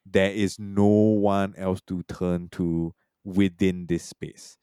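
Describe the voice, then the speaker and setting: A man's voice: low voice, flat delivery, takes it slowly, dark tone, smooth, no room sound, studio quality. A man from Malaysia and Singapore talking casually about a film, rambling with many fillers and restarts.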